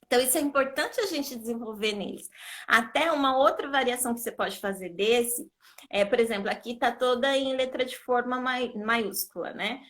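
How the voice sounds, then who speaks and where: A woman's voice: fairly high pitch, moderate pace, a bit bright. A woman educator teaching on a live video call, explaining step by step in a patient way and often checking that she is understood. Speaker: literacy educator.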